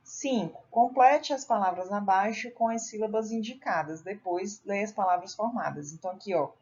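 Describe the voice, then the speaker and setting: A woman's voice: medium pitch, moderate pace, a little mellow, lo-fi sound. A woman teacher patiently explaining a workbook lesson step by step, often ending with tag questions. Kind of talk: recorded classroom lesson walking through a workbook.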